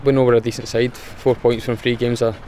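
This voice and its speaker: A man's voice: medium pitch, little pitch movement, fairly quick, darkish tone, slight background noise. A young man with a Scottish accent, a footballer giving a plain, matter-of-fact post-match interview outdoors with frequent fillers. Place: outdoors in front of a sponsor board.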